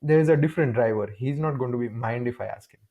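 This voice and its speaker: A young Indian man guests on a casual conversational interview, animatedly telling stories, acting out small dialogues, and often restarting sentences. His mid-range voice comes quickly, with phone-quality sound.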